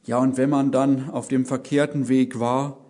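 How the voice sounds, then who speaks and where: A man's voice: medium pitch, little pitch movement, dark tone. A man preaching an earnest sermon, often adding "ja?" as he speaks. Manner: slow, earnest, emphatic with many "ja?" asides.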